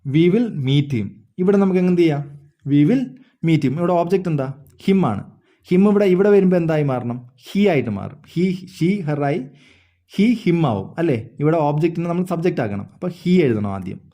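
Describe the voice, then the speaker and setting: Guy teaching english grammar, slightly high mellow voice, repeats stuff a lot. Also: animated. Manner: explains slowly, repeats words, asks "understood?". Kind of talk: spoken English lesson.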